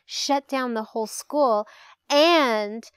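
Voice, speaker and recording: A woman co-hosting a chat show, chatty and quick with personal asides. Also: fairly high pitch, clean tone, dry recording, studio quality. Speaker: co-host. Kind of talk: casual interview chat.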